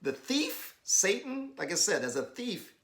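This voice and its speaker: A man giving a devotional talk with his wife, exhorting and emphatic, rising to bursts of excitement, speaking over a video call. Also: high-pitched, a little slow. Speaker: husband co-hosting a devotional. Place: home, joining an online meeting.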